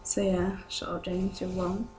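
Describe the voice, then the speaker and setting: On the low side and flat, this young British woman's voice moves at a measured pace as she fields viewer questions to camera. Her sore throat has pushed her voice lower than usual, and she talks in a loose, hesitant, rambling vlog style. Noise and hum fill the home recording.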